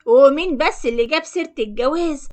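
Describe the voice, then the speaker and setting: A woman's voice: high voice, quick pace, a little mellow, lightly acted. A woman with an Egyptian accent voicing an insistent, smitten married man in a cartoon story. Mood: pleading. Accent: Egyptian Arabic. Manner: pleading, persuasive. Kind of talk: storybook narration acting.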